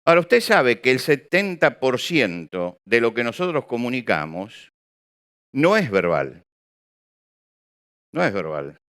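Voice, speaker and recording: A man's voice: medium pitch, very animated, measured pace, long pauses, a bit bright, smooth. A male pastor preaching to a live congregation, asking rhetorical questions and acting out small examples. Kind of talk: sermon. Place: church or hall with an audience.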